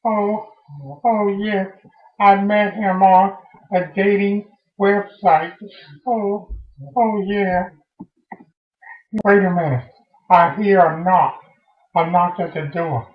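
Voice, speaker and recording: A man playing a sassy, scolding woman on a blind date who fills her talk with oh's, in a slow, dull, roomy recording. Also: high-pitched, recorded from a distance. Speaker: comedian. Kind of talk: one-man comedy sketch.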